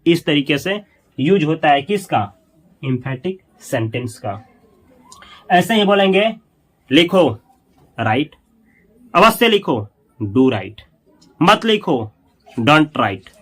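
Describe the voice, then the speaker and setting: A man teaching an English grammar lesson in Hindi, repeating each example slowly and asking his students questions. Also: on the high side, very animated. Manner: acts out commands with louder emphasis.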